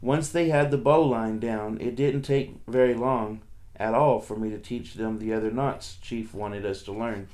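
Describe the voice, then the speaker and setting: A male teacher reads a novel aloud to his students, telling the story in a steady, plain way with small restarts. His voice is medium-pitched and unhurried.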